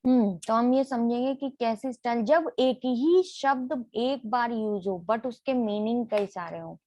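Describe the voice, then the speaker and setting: A woman teaching literary terms for an exam, who reads each definition slowly, then explains it, repeating key words and asking and answering her own questions. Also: a little high, warm tone, no room sound.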